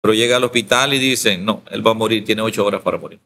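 A man's voice: lowish voice, quick pace, creaky, pushed and bright, slight background noise. A man from El Salvador, a pastor, telling his story in an interview and acting out the quoted dialogue.

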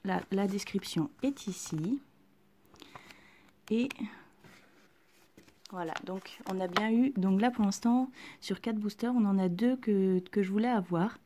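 A woman talks through an unboxing at home in a relaxed, mellow voice. She gushes excitedly and keeps sliding into a soft whisper. A faint noise floor sits under the recording. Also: medium pitch, unhurried, long pauses. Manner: gushing and excited, often dropping to a soft whisper. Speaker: vlogger unboxing collectible figurines. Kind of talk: casual unboxing chat.

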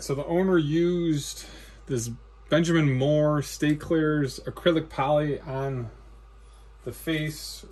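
A guitar builder in his forties calmly walks through each step of his work in a matter-of-fact how-to narration. His mid-range voice is slightly rough, and he's indoors in a cluttered workshop.

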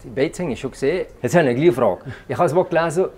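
A man's voice: on the high side, expressive, rapid-fire, darkish tone, husky. A man in his sixties with a Swiss German accent, hosting a restaurant test with blunt, teasing, grumbling remarks while walking around. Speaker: restaurant tester host. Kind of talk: casual on-camera chat. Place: outdoors in a mountain village, then hotel rooms.

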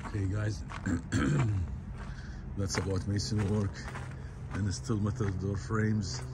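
Deep flat guy explaining site work, repeats himself, phone mic outdoors. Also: heavy background noise. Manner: plain, repetitive, halting phrasing. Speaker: construction site supervisor. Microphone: phone camera held by the speaker.

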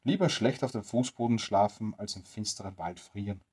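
Jolly, crafty tramp, friendly and coaxing, slightly husky tone, read by a storyteller, a bedtime storybook role. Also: medium pitch, brisk, a little mellow, close to an everyday voice. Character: cheerful cunning male tramp.

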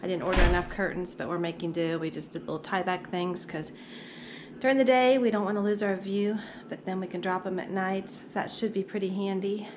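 A woman's voice: mid-range voice, fairly even intonation, fairly quick, slight background noise. Chatty middle-aged woman vlogging a renovation. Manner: chatty, upbeat, rambling with ums. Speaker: family vlogger. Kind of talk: casual home-renovation vlog. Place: small lake house, indoors and in the yard. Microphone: handheld camera at arm's length.

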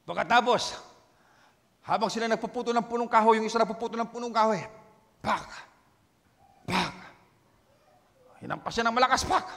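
A male pastor preaching a sermon in Tagalog and English, swinging between shouted exhortation and hushed storytelling, with frequent amens. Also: very high-pitched, moderate pace, gravelly, long pauses, big-room sound. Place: church.

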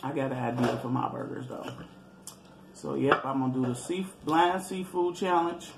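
A man's voice: mid-range voice, normal speed, gravelly. A man hosting a mukbang, chewing with his mouth full as he talks casually to his viewers. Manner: relaxed, talks straight to his audience. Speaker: mukbang host. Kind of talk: casual eating chat with viewers. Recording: roomy echo, faint background hum.

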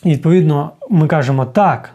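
A man gives an online language lesson in a conversational, explanatory way. His voice sits a little high for a man but sounds dark and mellow. He keeps checking in with his listeners as he goes. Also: fairly quick. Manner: explanatory, often adds "так?" and "друзі". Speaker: English teacher.

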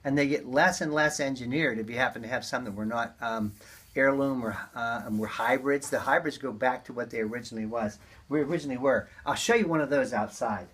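A man's voice: medium pitch, a little fast, fairly bright tone, breathy edge. Folksy man teaching seed saving. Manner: folksy, chatty, many ums and uhs. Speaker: gardening teacher. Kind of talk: casual hands-on demonstration.

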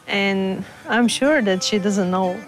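A woman's voice: medium pitch, slow, faint music behind. A woman from Bulgaria, with Bulgarian as her first language, interviewed outdoors in a garden, searching for words in English, with a lapel mic. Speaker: model.

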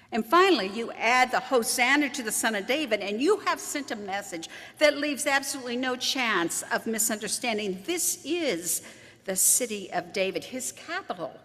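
Preaching a sermon, a high-pitched woman pastor swoops through her lines with lively energy and a bright, forceful tone. She slips in dry, wry remarks along the way. The church sanctuary around her gives her voice a long, lingering reverb.

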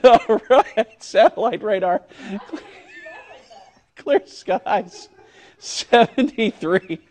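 A middle-aged man presenting the weather live in a studio, halting and cracking up. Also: high voice, darkish tone. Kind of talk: live weather segment banter. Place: TV news studio.

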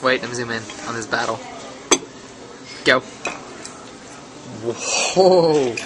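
A woman's voice: very deep voice, expressive, takes it slowly. A woman giving playful running score commentary at a restaurant table, egging players on with short repeated calls. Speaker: scorekeeper filming a table game. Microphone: handheld camera across the table. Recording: very noisy restaurant, handheld camera mic.

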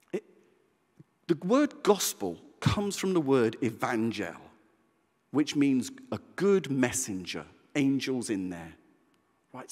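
A man preaching a sermon in a conversational, animated way, with self-deprecating humor. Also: fairly high pitch. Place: church. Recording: church hall reverb.

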